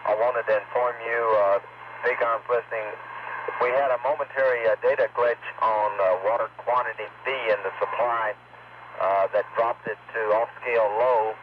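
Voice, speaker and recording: A man talking as an astronaut over a space-to-ground radio link, matter-of-fact and halting with fillers. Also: mid-range voice, fairly even intonation. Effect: space-to-ground radio transmission. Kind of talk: technical radio exchange. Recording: muffled lo-fi radio with hiss.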